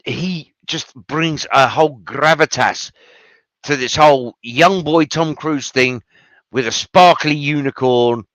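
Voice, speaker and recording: Man, casual film commentary, enthusiastic, profane, slightly high voice, bright tone. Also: takes it slowly, no echo, rough recording. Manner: enthusiastic, swears freely, rambling asides. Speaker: podcast host.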